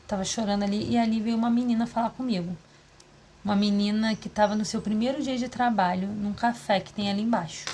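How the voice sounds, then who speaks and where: A woman talking casually in a diary vlog, confessional and rambling, with quick asides to herself. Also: mid-range voice, darkish tone, slight background noise. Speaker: vlogger.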